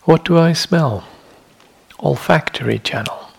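A man with a fairly high-pitched, husky, and gravelly voice teaches a guided meditation in a meditation hall. Long pauses follow each of his short, measured phrases.

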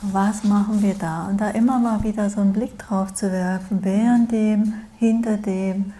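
A woman's voice: medium pitch, dark tone. A woman meditation teacher giving a dharma talk, speaking reflectively and often checking in with "ja?". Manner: slow, reflective, with frequent "ja?".

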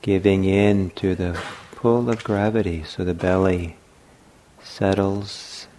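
A man guides a meditation in a deep, mellow voice, speaking very gently in short phrases broken by long pauses. Like a teacher leading a practice, he's markedly slow and unhurried, with fairly even intonation and a little hiss or hum in the audio.

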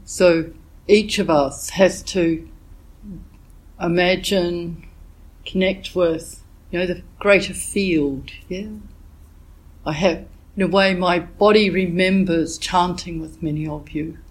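A woman meditation teacher giving a dharma talk while she has a cold, reflective and gently searching for her words. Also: lowish voice, steady tone, breathy edge, poor audio. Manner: reflective, unhurried, gently searching for words with frequent "yeah" and "you know". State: has a cold, voice a bit thick.

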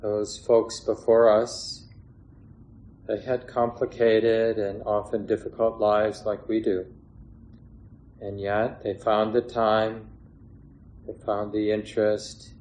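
In a meditation hall before a gathered group, a man leads a guided meditation in a slow, low voice. He speaks gently and without hurry, leaving long pauses between short phrases. The audio is poor, with clear background noise and room ambience.

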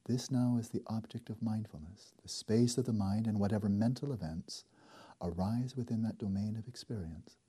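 A man leading a guided meditation as a teacher, speaking slowly and softly with deliberate pauses and a husky edge. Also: on the low side. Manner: slow, soft and deliberate, with long pauses.

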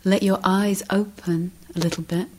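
The audio is poor as a woman meditation teacher gives guided instruction in a mid-range voice with fairly even intonation. She speaks gently and deliberately, in short phrases and long pauses.

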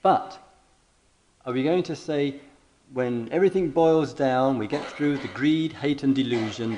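A man speaks as a meditation teacher in dialogue with a student. His delivery is deliberate and halting, circling back over phrases as he frames his questions. His pitch sits in the middle range. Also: a little mellow, a little hiss or hum. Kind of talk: question-and-answer spiritual dialogue.

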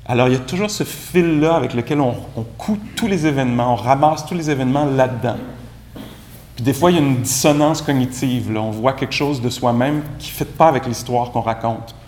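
A man from Quebec with a Quebec French accent teaches meditation in an easy, conversational way, leaning on little fillers between his thoughts. His voice sits at an ordinary pitch for a man. The talk carries the echo of a room, with faint noise behind it. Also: brisk, darkish tone. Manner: casual, conversational, many "tu sais" fillers. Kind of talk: dharma talk.

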